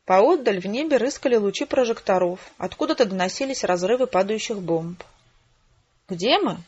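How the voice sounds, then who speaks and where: A woman reading an audiobook as narrator, in steady, even storytelling. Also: mid-range voice, fairly quick, husky, highs cut off. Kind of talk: scripted narration.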